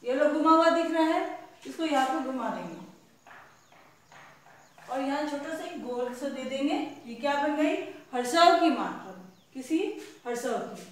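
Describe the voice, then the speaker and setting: High-voiced woman teaching small children. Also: a little slow, heavy reverb. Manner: asks a question, then answers it herself. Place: classroom.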